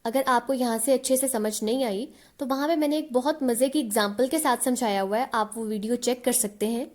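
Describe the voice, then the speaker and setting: High-voiced woman teaching a literature lesson. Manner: patient, checks in with "ठीक है?" often; reads English definitions slowly and deliberately. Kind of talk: explaining lesson in Hindi with English terms.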